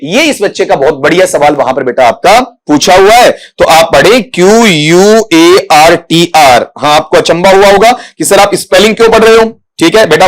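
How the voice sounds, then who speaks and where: A man with a fairly high voice teaching English phonetics in an exam-prep lesson. He answers student questions and addresses them as beta. He repeats each word slowly to show how it should sound. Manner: repeats words slowly to model pronunciation, calls students beta.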